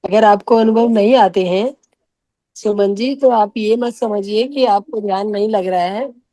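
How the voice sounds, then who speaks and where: Woman meditation teacher, distorted breaking-up call audio, patient explaining, mellow voice, dry sound. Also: mid-range voice, a little slow, no room sound. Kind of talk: guiding a group meditation call.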